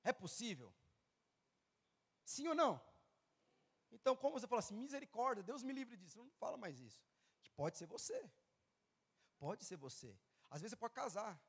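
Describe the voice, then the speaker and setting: A male pastor preaching at a youth event. He acts out the dialogue of Bible figures and of his listeners, building to loud, fervent passages. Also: high voice, sing-song, fairly quick, creaky, husky, long reverb tail. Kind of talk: sermon. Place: large church hall or event venue.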